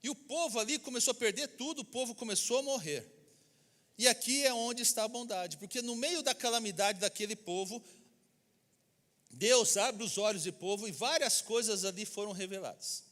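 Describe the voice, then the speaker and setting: A man's voice: high-pitched, moderate pace, a bit bright. A man with a Brazilian Portuguese accent preaching a sermon as pastor in a church, emphatic and acting out the people he quotes. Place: church sanctuary. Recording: long reverb of a church hall.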